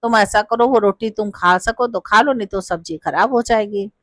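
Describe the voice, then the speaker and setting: A woman's voice: mid-range voice, normal speed, fairly bright tone, no room sound, clean studio sound, natural voice. A woman voicing a poor, sorrowful old village mother-in-law who talks in plain rustic words, in a told devotional story. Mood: fretful. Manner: plain-spoken rustic talk.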